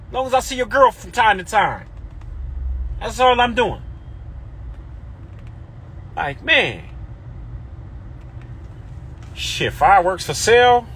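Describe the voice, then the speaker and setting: A man's voice: high-pitched, sharp tone, breathy edge. A man with a Californian accent, ranting defiantly and repeating himself, talking into a phone inside a car on the freeway. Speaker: vlogger. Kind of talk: heated live-stream rant.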